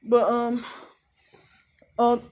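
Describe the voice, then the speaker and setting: A woman talking casually to camera from a hotel room, aggrieved and repetitive, often clearing her throat, sounding tired. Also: fairly high pitch, completely flat delivery, very slow, darkish tone. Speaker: vlogger.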